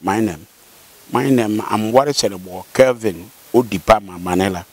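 An older man from Rivers State in southern Nigeria, speaking with a southern Nigerian accent in a lowish voice, explains local history haltingly and conversationally, adding affirming hums. He's a local elder being interviewed outdoors, seated by a corrugated metal fence, with the host holding a handheld mic.

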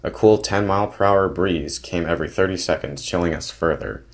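A man's voice: low-pitched, fairly quick. A young man narrating a travel diary in a plain, detailed way, with small restarts. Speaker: vlogger narrating a trip.

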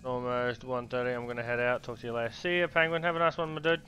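Guy streaming a game, reads notes out in a halting way, curses a lot, bright tense voice, dull hissy mic. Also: mid-range voice, steady tone. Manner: halting reading with restarts, swearing reactions. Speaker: gaming streamer. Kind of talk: casual gameplay commentary, reading in-game notes aloud.

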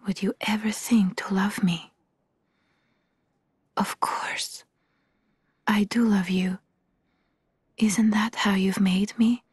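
A woman voicing a gentle living doll in a video game, a talking doll speaking slowly, formally and softly in a breathy whisper. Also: mid-range voice, steady tone, dry recording, studio quality. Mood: wistful, devoted. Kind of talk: video game character dialogue.

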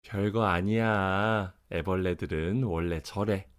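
A man voicing a calm, reassuring animal mother in a storybook, enunciating carefully. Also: sits low, slow, clean tone.

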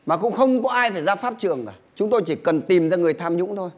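A man playing an officious celestial game-show host in a satirical stage comedy, announcing formally and briskly. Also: sits high, lively intonation.

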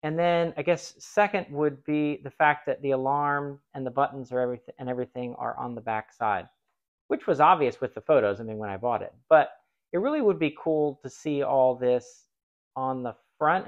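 Speaking at a moderate pace in a mid-range voice, this forties-aged DIY host casually walks through testing a tool, thinking aloud with restarts. The phone-camera recording is close and dry, with the highs cut off, and moves between outdoor gravel and a workshop.

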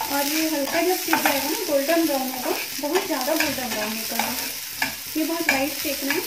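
A woman's voice: high voice, fairly quick, heavy background noise. A woman hosting a home cooking tutorial, walking through each step in a chatty way and often saying "okay". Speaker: cooking channel host. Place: home kitchen at a gas stove. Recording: echoey kitchen with loud sizzling.

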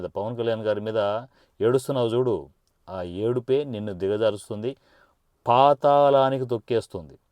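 A man's voice: mid-range voice, darkish tone, dry recording. A man, a political party supporter, delivers an angry and taunting rant that he speaks straight at his target, with threats in it. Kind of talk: angry direct-address rant.

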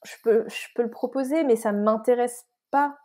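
A woman's voice: fairly high pitch, normal speed, mellow. A woman from Scotland, a nutritherapist guest, explaining things in a casual interview chat with frequent restarts.

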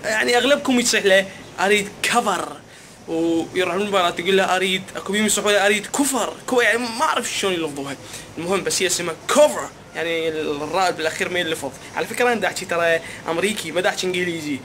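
A young man with an Iraqi Arabic accent, doing an animated, mock-puzzled comic vlog monologue. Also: sits high, racing, a little hiss or hum. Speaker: comedy vlogger.

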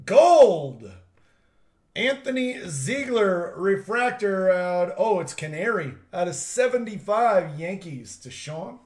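At a table in an indoor studio, a young man hosts a live trading card break, joking with viewers about how to pronounce player names and calling out the pulls. His voice is high, very animated and a little mellow, and he stretches out his hype calls when big cards turn up.

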